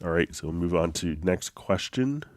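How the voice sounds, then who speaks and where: A man hosts a live software tutorial stream, his low voice a little congested from a slight cold. He's animated and easygoing at a normal speed, with frequent fillers and restarts.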